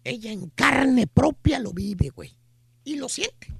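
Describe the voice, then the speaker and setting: A man with a Mexican accent tells a comic story as a radio show host, full of slang and drawn-out pauses. His voice is gravelly and bright, and he speaks with a high pitch for a man. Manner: slangy, animated, dramatic pauses.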